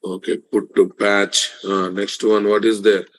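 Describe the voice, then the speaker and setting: A man's voice: on the low side, level tone, measured pace. A man with a Telugu Indian accent lecturing live online as a programming instructor, repeating statements emphatically and checking in with rhetorical questions.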